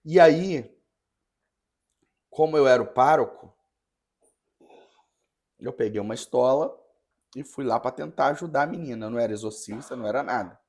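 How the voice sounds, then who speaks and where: A man who is a parish priest, telling a story in a podcast conversation with an earnest, halting manner and many restarts. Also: medium pitch, darkish tone.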